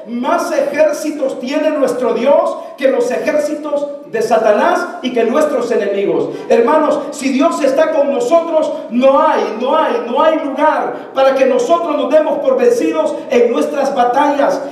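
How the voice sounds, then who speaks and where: A high-pitched preacher retells a scripture story to the congregation and keeps asking them questions as it goes. The voice sounds far from the mic, and it rings through a very echoey church hall. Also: measured pace, few pauses, a little mellow. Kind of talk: sermon.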